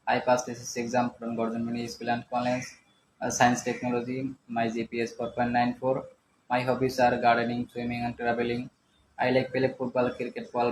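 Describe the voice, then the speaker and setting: A young man from Bangladesh with a Bangladeshi accent, reciting a self-introduction as a student applicant. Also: mid-range voice. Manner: monotone, recited. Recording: echoey, noisy room.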